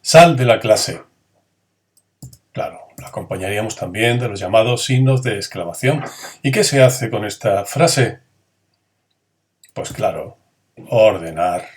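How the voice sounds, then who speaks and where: Man teaching a grammar lesson. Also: on the low side. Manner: asks questions and answers them himself, acts out example intonations.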